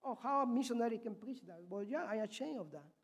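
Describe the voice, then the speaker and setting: Peruvian missionary preacher, high-pitched, fervent, Spanish-accented English. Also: male voice, lively intonation, fast, husky. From Peru. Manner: impassioned, loud swings in volume. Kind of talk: sermon.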